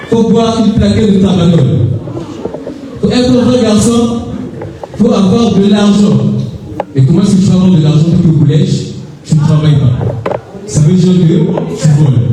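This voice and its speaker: A young man preaching at a youth seminar, asking the crowd questions and calling for amens, sometimes rising to a shout. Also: high voice, background noise. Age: young adult. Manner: rises to shouts at times. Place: large echoey hall. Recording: echoey hall, voice from far off.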